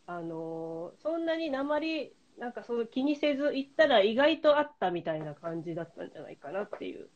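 A woman hosting a casual podcast chat, her voice sitting a touch high and swinging widely in pitch as she talks. She rambles a little, fills pauses, and steers the conversation with questions. The sound is slightly dull and lo-fi, as over a remote link. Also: big pitch swings, darkish tone. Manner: chatty, lots of fillers, leading the questions. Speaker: podcast host.

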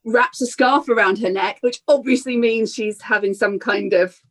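High-voiced wry woman podcaster. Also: normal speed. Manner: wry, animated retelling with quoted asides. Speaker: podcast co-host. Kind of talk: casual chat.

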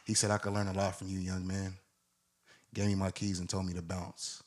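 A young podcast co-host in his twenties tells a drawn-out story, animated and casual, acting out everyone involved. He speaks low-pitched and a little fast.

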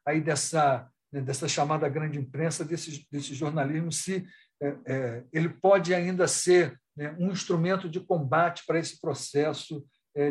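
A Brazilian-accented man with a fairly high voice talks off the cuff in an online panel, as an academic researcher and thesis supervisor. He is halting and discursive, often rephrasing himself and tacking on tag questions.

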